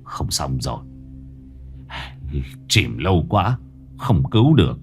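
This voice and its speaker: A man voicing an old village man who speaks with gruff urgency. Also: rumbling low, sing-song, moderate pace, darkish tone, faint music behind, voice pushed down. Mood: grave.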